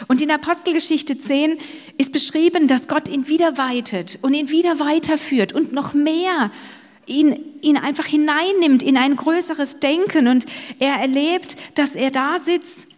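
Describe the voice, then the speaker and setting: A woman preaching a sermon, telling the story in a lively way and acting out what the speakers say. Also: sits high, measured pace. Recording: long reverb of a large hall.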